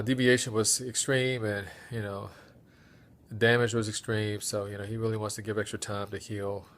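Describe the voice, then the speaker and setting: A man with a stuffy, congested nose giving a halting, low-key recovery update in a casual vlog style. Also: vocal fry. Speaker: patient recording recovery diary.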